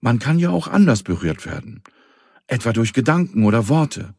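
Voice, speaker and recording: A man voicing a kind, lively little girl in a children's story, speaking earnestly and coaxingly. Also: medium pitch, normal speed, creaky, breathy edge, dry recording, studio quality, pitched above the performer's own voice, heavily acted. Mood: gentle.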